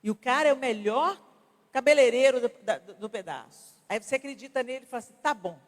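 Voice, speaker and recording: A Brazilian woman pastor in her fifties, preaching at a women's conference in an animated, conversational way with acted-out examples. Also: sits high, fast talker. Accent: Brazilian Portuguese. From Brazil (Belo Horizonte). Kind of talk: conference sermon. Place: large church conference hall. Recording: reverberant church hall.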